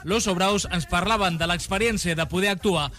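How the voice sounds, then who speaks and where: A man reading a local radio news report in a measured, scripted way. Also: high voice, bright, forceful tone, faint music behind. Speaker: news presenter.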